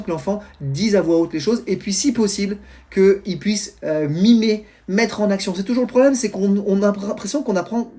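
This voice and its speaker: A middle-aged man, a teacher and trainer, giving advice to parents on a live stream in an animated, explanatory way, with many fillers and restarts. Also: fairly high pitch. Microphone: phone or computer mic on a live stream.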